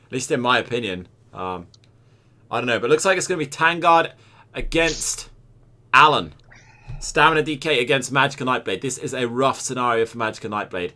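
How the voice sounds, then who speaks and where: A man's voice: medium pitch, animated, a little fast, bright, forceful tone. A young Scottish man streaming and commentating a game tournament, joking, swearing and chatting to his viewers.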